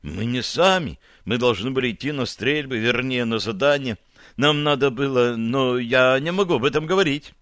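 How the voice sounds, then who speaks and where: A man's voice: medium pitch, normal speed, a bit bright, no room sound, lightly acted. A man voicing a frightened, dazed young soldier who answers eagerly in strained replies, in a dry recording.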